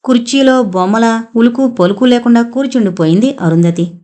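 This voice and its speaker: A woman narrating a novel as an audiobook in a calm, even storytelling manner. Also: a little high, normal speed.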